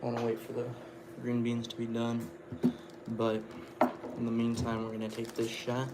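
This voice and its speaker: A man's voice: medium pitch, completely flat delivery, normal speed. A man chatting casually on a cooking livestream, rambling along and swearing offhandedly. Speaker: livestream host. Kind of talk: casual livestream chat while cooking and eating. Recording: clearly noisy room ambience.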